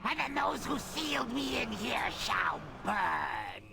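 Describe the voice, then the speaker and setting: Creaking, foiled, sputtering fantasy villain. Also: female voice, a little high, very animated, slow pace, music in the background, heavily acted. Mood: menacing, vengeful. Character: sealed-away fiery villain, vengeful and menacing. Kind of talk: cartoonish fantasy game villain acting.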